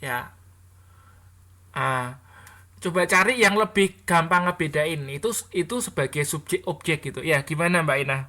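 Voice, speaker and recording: Woman, classroom teacher; bright tone, chatty, corrects students with frequent restarts. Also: deep voice, moderate pace. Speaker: English teacher.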